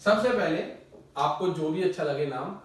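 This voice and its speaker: In an echoey room with the mic far away, a maths tutor gives a classroom lecture, explaining patiently with everyday examples and repeating key words. His voice is on the high side, with lively intonation and a normal pace.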